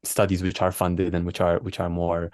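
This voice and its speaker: Male doctor as interview guest. Low-pitched, dry recording, hesitant, conversational explainer. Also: monotone, darkish tone, no echo. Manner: halting, hesitant phrasing with repeated words. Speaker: doctor and researcher being interviewed.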